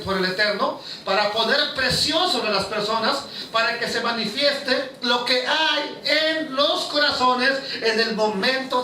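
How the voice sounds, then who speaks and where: A man preaching a sermon to his congregation, emphatic and often pausing to put questions to his listeners. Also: extremely high pitch, bright, forceful tone. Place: church hall. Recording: echoey room, mic far off.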